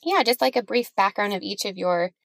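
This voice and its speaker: A woman's voice: medium pitch, a little fast, creaky, a bit bright, no echo. A woman hosting a podcast, chatting casually with guests and laughing easily. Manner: friendly, laughing, chatty with restarts. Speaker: podcast host. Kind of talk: casual interview chat.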